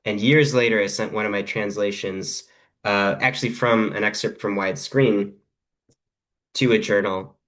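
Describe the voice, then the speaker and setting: A man's voice: lowish voice, fairly even intonation, moderate pace, a bit bright. A man, a guest translator, explaining his work thoughtfully with some hesitations. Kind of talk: conversational craft discussion.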